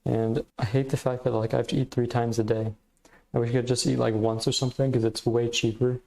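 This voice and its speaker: A man's voice: medium pitch, little pitch movement, fairly quick, creaky, a little mellow, low-quality recording. A man hosting a podcast, giving casual, reflective commentary in hesitant, meandering phrasing. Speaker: podcast host.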